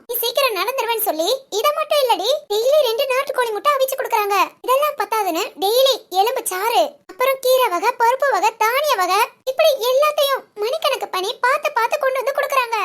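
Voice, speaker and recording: A woman's voice: extremely high pitch, a bit bright. A woman voicing an anxious, injured young married woman in a cartoon, talking in a tearful, pleading way. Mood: earnest. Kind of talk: cartoon voice acting.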